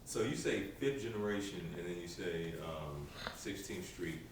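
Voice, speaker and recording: A man interviewing guests, asking loosely phrased questions in a relaxed way. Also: moderate pace. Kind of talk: casual recorded interview. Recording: distant from the mic, very echoey, with low rumble.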